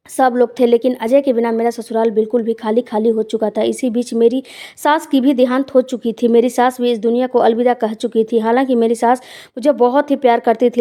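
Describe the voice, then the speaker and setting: A woman's voice: on the high side, warm tone. A woman narrating a first-person story in a plain, conversational way with emotional weight.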